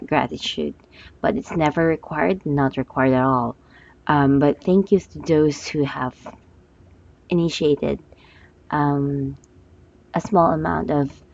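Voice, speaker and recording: Low, slow, hoarse woman reading tarot. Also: lo-fi sound. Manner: gentle, hesitant with many fillers. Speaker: tarot reader. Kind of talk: monthly astrology love forecast.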